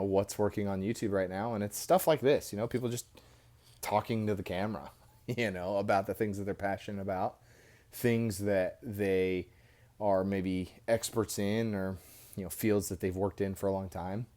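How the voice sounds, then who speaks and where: Casting: American male podcaster, low voice, casual rambling monologue, recorded on headphones used as a mic. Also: fairly even intonation, moderate pace, dark tone. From Indiana, United States. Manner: informal, rambling with frequent "you know" asides. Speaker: podcast host. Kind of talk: casual off-the-cuff monologue to camera. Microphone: headphones used as mic with a phone.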